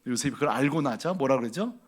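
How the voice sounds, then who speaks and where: A male pastor preaching a sermon, swinging dramatically between loud appeals and near whispers. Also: medium pitch, animated, fast talker, breathy edge.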